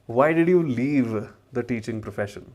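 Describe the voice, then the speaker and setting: A man's voice: mid-range voice, expressive, moderate pace, a little mellow. A man with a north Indian accent chatting informally as he hosts a livestream and answers viewers, slipping between English and Hindi slang. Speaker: travel vlogger and former chemistry teacher hosting a livestream. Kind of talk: casual livestream chat answering viewers' questions. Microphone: wireless mic.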